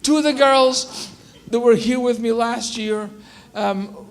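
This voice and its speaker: High-voiced Scottish man preaching. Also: slow. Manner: lively, joking, exclaiming. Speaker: guest speaker, missionary. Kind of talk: church talk with humor. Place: church sanctuary.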